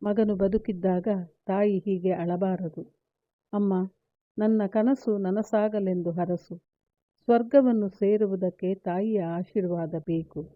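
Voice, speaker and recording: Woman narrator voicing a grave warrior son, slow measured delivery, dry tinny sound. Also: medium pitch, fairly even intonation, dry recording, close to an everyday voice. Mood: resolute. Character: grieving noble male warrior son, resolute. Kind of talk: read-aloud epic storytelling.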